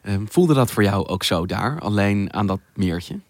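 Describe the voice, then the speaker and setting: Male host, low voice, well-spoken, dry studio sound, faint music behind. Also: animated, a little slow, dry recording. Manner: articulate, literary phrasing. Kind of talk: thoughtful interview questions.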